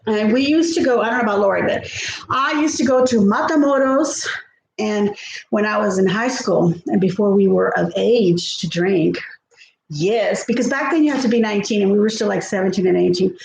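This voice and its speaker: A woman in her fifties from South Texas, speaking with a Texan accent, hosts a cooking livestream from her home kitchen in a mid-range, gravelly, somewhat mellow voice at normal speed. Friendly and rambling, she laughs frequently and trails off. The poor audio is roomy with a little hiss or hum.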